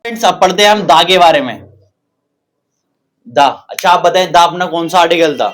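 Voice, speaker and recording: A man's voice: sits high, a little fast, fairly bright tone. A man with an Indian English accent teaches a grammar lesson in a slightly raised voice. He drills example sentences over and over and keeps asking his students rhetorical questions. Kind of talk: classroom-style grammar lesson.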